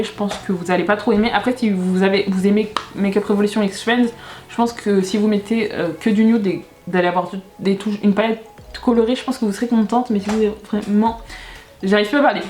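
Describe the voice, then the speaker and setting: A woman's voice: medium pitch, a little mellow. Chatty young woman in echoey room. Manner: chatty, restarts sentences, self-correcting. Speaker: beauty vlogger. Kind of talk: casual unboxing chat.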